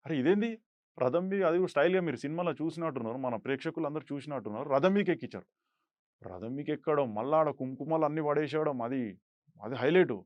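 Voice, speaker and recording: Man, higher voice, dry close sound, acts out quoted lines loudly. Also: fast, no echo, highs cut off. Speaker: actor guest. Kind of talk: animated storytelling interview.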